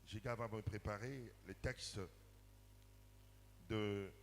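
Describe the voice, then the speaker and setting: A man preaching a sermon in French with a Congolese accent, line by line for an interpreter, calling out in bursts and then teaching in calmer phrases. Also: fairly low pitch, slow pace, a little hiss or hum. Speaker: pastor.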